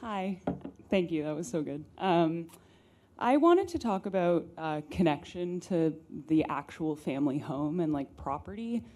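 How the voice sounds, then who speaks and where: A woman's voice: on the low side, lively intonation, unhurried, darkish tone, slight background noise. A woman from the audience at a talk, asking a hesitant question with lots of fillers. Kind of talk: question from the floor.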